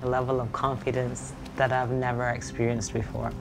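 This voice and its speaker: A young woman from Barbados, speaking calmly and earnestly about her life as a documentary narrator. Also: very deep voice, normal speed, vocal fry. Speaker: entrepreneur and advocate.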